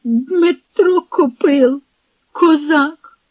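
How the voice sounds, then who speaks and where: A reader voicing a frightened, scrawny man caught spying, pleading in a high, trembling whimper, in an audiobook. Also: extremely slow, no echo. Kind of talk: audiobook reading with character voices. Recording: dry, dull lo-fi recording.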